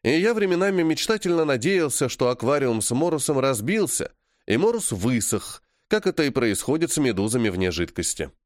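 A man reading a first-person fantasy audiobook in a measured, matter-of-fact way. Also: medium pitch, very animated, no room sound, clean studio sound. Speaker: audiobook narrator.

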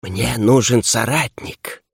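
A man voicing an arrogant, hissing female darkness in an audiobook, speaking in a slow, drawn-out, imperious way. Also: mid-range voice, creaky, slightly rough, no room sound, studio quality, heavily acted. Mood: coaxing. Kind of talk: audiobook character reading.

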